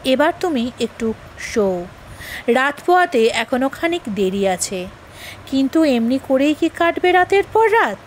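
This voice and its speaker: A woman reading the part of a calm male ascetic mystic in slow, solemn recitation. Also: high-pitched, a little hiss or hum, rough recording. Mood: gentle.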